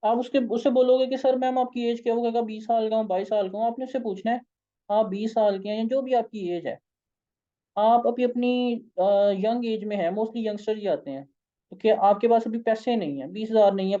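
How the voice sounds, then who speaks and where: Hoarse Pakistani man, higher voice, mellow tone; tired sales coach on a dull lo-fi recording. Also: fairly quick. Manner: informal, coaxing, keeps saying "okay". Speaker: sales trainer and company founder. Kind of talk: online sales training session.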